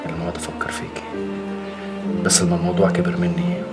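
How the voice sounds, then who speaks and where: A man's voice: low-pitched, huge pitch swings, rapid-fire, over loud music. An actor playing a playful young fiancé who teases his bride in an Egyptian accent. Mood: tender teasing. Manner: joking, playful.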